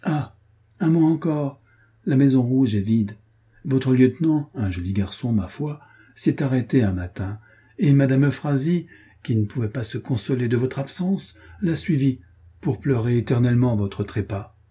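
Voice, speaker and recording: A man's voice: mid-range voice, lively intonation, moderate pace, dark tone, breathy edge. A man reading an audiobook voices an ironic, teasing young nobleman and swordsman.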